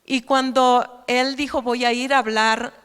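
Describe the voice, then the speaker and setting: A woman's voice: on the high side, little pitch movement, measured pace, a bit bright, clear, resonant tone. A woman pastor from Ecuador preaching a sermon, telling her testimony earnestly and rising to fervent appeals. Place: church hall. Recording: long church reverb.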